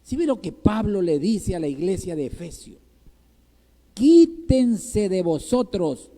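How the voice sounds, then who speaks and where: A male pastor from Ecuador preaches in Ecuadorian Spanish, his voice high-pitched and brisk with lively, warm intonation. He keeps asking the congregation rhetorical questions and checking in with them over and over. The sound echoes through a reverberant church hall.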